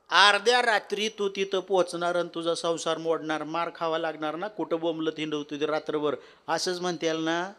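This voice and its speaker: A man voicing a fretful, sharp-tongued old village woman in a devotional storytelling sermon. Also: a little high. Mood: reassuring. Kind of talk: kirtan storytelling.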